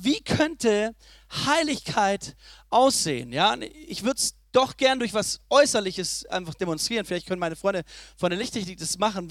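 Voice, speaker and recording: Guy preaching, super high voice, loud then quiet, dry close mic. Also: no echo. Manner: lively, swings between loud emphasis and soft low asides. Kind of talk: sermon.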